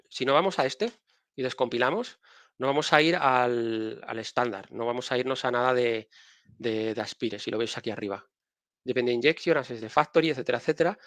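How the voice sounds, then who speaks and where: A man with a Spanish accent, a guest speaker casually explaining software on a live stream while showing his screen, often restarting his phrases. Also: medium pitch, normal speed, no room sound. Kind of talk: technical live-stream talk.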